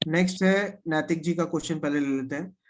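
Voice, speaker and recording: A man's voice: on the high side, brisk, noisy background. A man leading an insurance training session, explaining policy points with confidence and often checking that everyone follows. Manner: confident, repeats 'theek hai' to check understanding.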